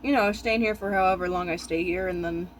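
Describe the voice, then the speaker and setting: A young man chatting casually while eating, talking with his mouth full in halting, musing short thoughts. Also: high voice, fairly even intonation, a bit bright, a little hiss or hum.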